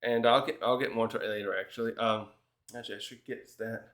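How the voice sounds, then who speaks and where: Bright-voiced man rambling through a recap. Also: medium pitch, steady tone, fast. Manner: rambling, many restarts and fillers, reads out character lines. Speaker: manga reviewer. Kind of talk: casual chapter recap.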